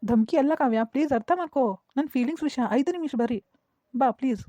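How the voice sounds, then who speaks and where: An earnest, pleading young office man in a cartoon comedy, in a North Karnataka Kannada accent. The voice is quick and rather high, with a dark, mellow tone. The recording is dull and dry. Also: no room sound. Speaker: cartoon voice actor.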